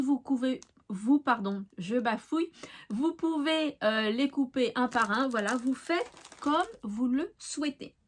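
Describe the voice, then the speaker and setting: A woman's voice: sits high, fairly bright tone, slight background noise. A woman hosting a craft channel, chatting fondly to viewers as she presents giveaway prizes, with lots of fillers along the way.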